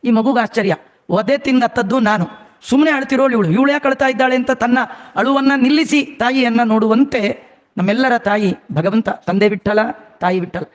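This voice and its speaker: A man delivers a devotional sermon in the manner of a storyteller. His voice sits very high for a man, and he keeps the telling lively with rhetorical questions to his listeners. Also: moderate pace. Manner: animated, asks the audience rhetorical questions. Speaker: religious discourse speaker.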